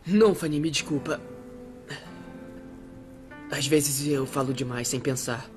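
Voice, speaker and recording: An actor with a Brazilian accent playing a humble, apologetic young messenger in a dubbed soap opera. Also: male voice, mid-range voice, unhurried, soft background music, lightly acted. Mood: humble, regretful.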